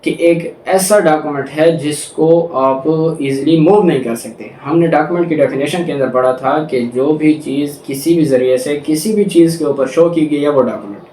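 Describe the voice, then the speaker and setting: A man with a Pakistani accent and a warm, somewhat high voice delivers a law lecture. He reads English statutory clauses slowly, then explains them with examples, switching between languages. The room is echoey, with clearly audible background noise.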